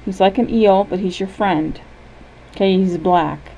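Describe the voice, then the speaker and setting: A woman with a mellow, warm tone leads a guided imagery lesson. Her voice sits at a middling pitch, and she speaks gently and unhurriedly, often pausing to ask "okay?". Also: slight background noise, low-quality recording.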